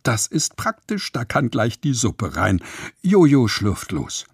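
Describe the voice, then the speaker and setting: Husky man, playful storybook narration, gravelly, lively. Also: medium pitch, takes it slowly, no room sound, clean studio sound. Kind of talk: children's story reading.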